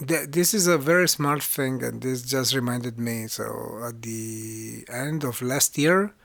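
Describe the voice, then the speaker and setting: Halting man co-host, dry close sound. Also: medium pitch, creaky, fairly bright tone, dry recording. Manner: halting, restarts phrases. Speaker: podcast co-host, music teacher. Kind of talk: casual conversational podcast chat.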